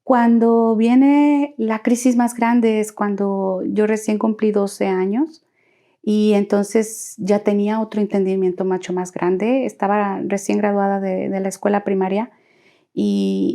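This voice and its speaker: A woman's voice: mid-range voice, mellow. A woman recounting her life story as an interview guest, earnestly acting out quoted dialogue.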